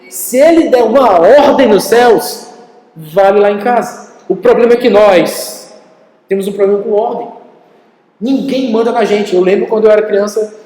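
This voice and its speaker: Male pastor, Brazilian accent, high voice, animated sermon delivery, echoey church hall. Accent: Brazilian Portuguese. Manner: animated storytelling preacher, addresses congregation directly.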